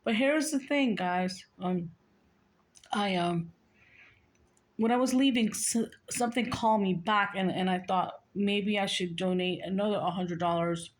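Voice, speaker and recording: A woman vlogger telling her viewers a personal story in a casual, earnest and rambling way, often restarting her sentences. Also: on the low side.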